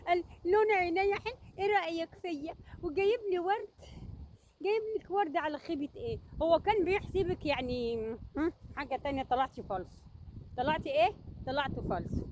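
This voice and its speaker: A high-voiced Egyptian woman with an Egyptian Arabic accent, scolding and mocking at a rapid clip. Her sarcastic rant rolls on without pause, and a steady noise sits under her voice. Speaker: YouTuber.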